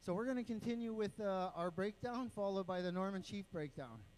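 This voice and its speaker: High-voiced man explaining dances. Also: lively intonation, brisk, darkish tone, poor audio. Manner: patient, step-by-step, counts out rhythms. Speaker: dance group spokesman and announcer. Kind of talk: explaining dances to an event crowd. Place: indoor powwow event.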